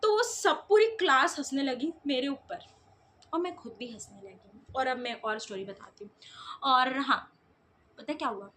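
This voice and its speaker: A woman's voice: high-pitched, animated, moderate pace, fairly bright tone, slight background noise. A young woman vlogger chatting casually to her viewers, telling stories in a giggly, talkative way.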